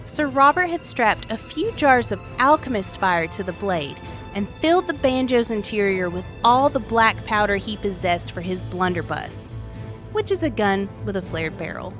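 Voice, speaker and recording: A woman's voice: mid-range voice, sing-song, normal speed, a bit bright, faint music behind. A woman hosting a story show, reading a scripted narration of a tabletop adventure in a wry, dramatic way. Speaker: story podcast host.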